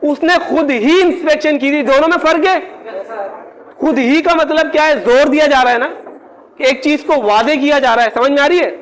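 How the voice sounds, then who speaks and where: Very high-voiced man teaching a grammar class. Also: a bit bright, rough recording. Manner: keeps checking if the class follows; slows down to spell out example words. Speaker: English teacher.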